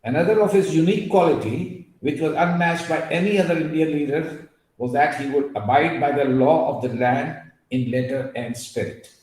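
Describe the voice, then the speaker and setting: With a slightly high, darkish voice at normal speed, a webinar guest speaker delivers an earnest talk full of personal tangents and frequent fillers. He's emphatic, and the video-call audio carries the heavy echo of his room.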